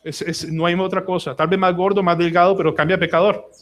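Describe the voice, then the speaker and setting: A man's voice: sits high, little pitch movement, fast talker, fairly bright tone. A man preaching a sermon at a church service, emphatic, acting out prayers and quoted voices. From Colombia. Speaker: pastor.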